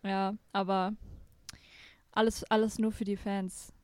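A woman's voice: mid-range voice, level tone, unhurried, a little mellow, clear, resonant tone, dry recording. A young woman co-hosting a podcast in casual, slangy chat, feeling her way through her sentences. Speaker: podcast co-host.

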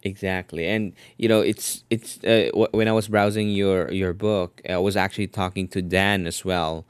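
Deep-voiced halting podcast host man. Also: steady tone, smooth, no room sound, clean studio sound. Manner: halting, repeats words while searching for phrasing. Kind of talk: interview questions, casual chat.

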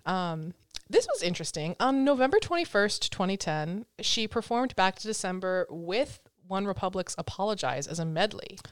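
A woman's voice: medium pitch, expressive, normal speed, hardly any pauses, clean tone, no echo, studio quality. A woman hosting a podcast in casual chat, reading from notes with frequent fillers and giggles. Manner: chatty, giggly, trails off with fillers. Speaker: podcast host.

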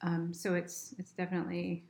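A woman's voice: lowish voice, completely flat delivery, moderate pace, gravelly, darkish tone. A middle-aged woman from Massachusetts speaking as a nurse in a casual interview, earnest and hesitant, with many ums and restarts. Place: family home.

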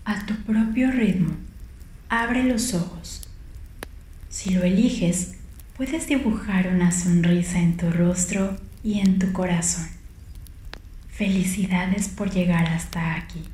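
Woman meditation guide: very slow, mellow, hushed and calm, recorded in an echoey room. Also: fairly low pitch. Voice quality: soft and calm, hushed at times. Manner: slow, gentle instructions with long pauses.

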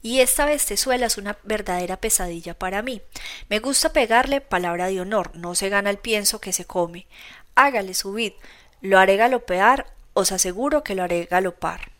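A woman's voice: medium pitch, brisk, natural voice. A woman voicing a brutal drunken peasant, Mikolka. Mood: cruel shouting. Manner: shouting, loud and bullying. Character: brutal drunken peasant man, cruel and boastful.

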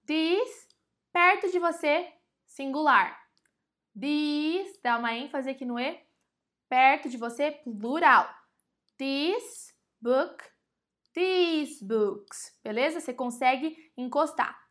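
In a relaxed online English lesson, a Brazilian Portuguese-accented woman talks in a high-pitched, fairly bright voice. She chats freely and frequently addresses viewers directly, slowing down whenever she spells and repeats example words.

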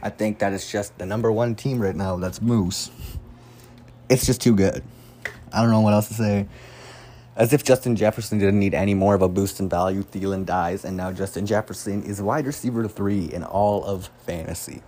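A man's voice: fairly low pitch, fairly even intonation, normal speed, mellow, a little hiss or hum. A man hosting a casual solo fantasy football podcast from a room at home, rambling and swearing freely as he gets sidetracked. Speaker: podcast host. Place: room at home, door nearby.

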